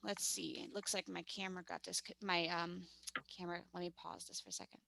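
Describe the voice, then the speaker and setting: A woman's voice: on the low side, fairly even intonation, a little fast, gravelly, sharp tone, a little hiss or hum. A young woman with a New York accent teaching a math lesson over a video call, chatty and upbeat, often correcting herself.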